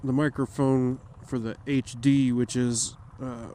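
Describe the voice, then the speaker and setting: A man's voice: mid-range voice, flat delivery, unhurried, mellow. A man chats casually and profanely in a rambling way while riding, recorded on a mic inside his motorcycle helmet. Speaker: motorcycle vlogger. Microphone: microphone taped to helmet. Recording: wind and engine noise, helmet mic.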